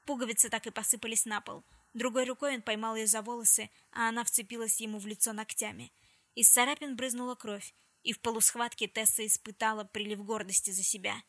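Woman audiobook narrator, steady delivery, bright, dry close sound. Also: a little high, a little fast, no echo. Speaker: audiobook reader. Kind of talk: scripted narration.

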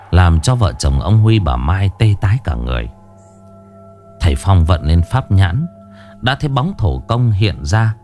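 A man narrating a horror story in a lively, expressive reading. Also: low voice.

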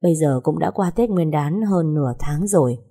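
A woman narrating a first-person story in a measured, sorrowful way. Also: low voice, animated, warm tone, breathy edge. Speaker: audiobook narrator.

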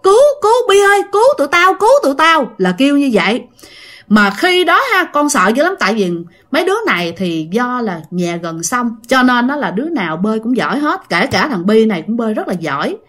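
Woman, casual ghost story narration, chatty, animated pitch. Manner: chatty, addresses listeners directly.

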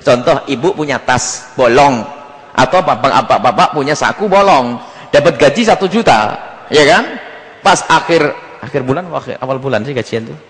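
A male Islamic preacher answering a question in an animated sermon, acting out dialogues and jokes. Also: medium pitch, normal speed, big-room sound, low-quality recording.

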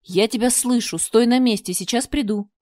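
A woman voicing a loud, drunken young man calling out eagerly in an audiobook. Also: mid-range voice, sing-song, normal speed, no room sound.

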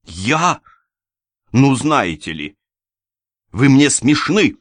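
A man's voice: sing-song, a little slow, bright, forceful tone, dry recording, studio quality, full character voice. A man doing a sneering haughty noblewoman. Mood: shouting. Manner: sneering, shrill outbursts. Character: scornful noblewoman landowner, haughty and defiant.

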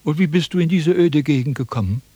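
An actor playing a vain, pompous philosopher in a 1970s radio drama, lecturing and easily indignant. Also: male voice, on the high side, fairly quick, mellow, breathy edge, no echo. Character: vain, pompous old male Chinese philosopher.

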